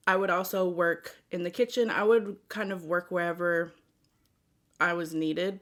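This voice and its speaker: Woman, slightly low voice, casual mukbang vlog chat, unhurried rambling storytelling. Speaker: mukbang vlogger.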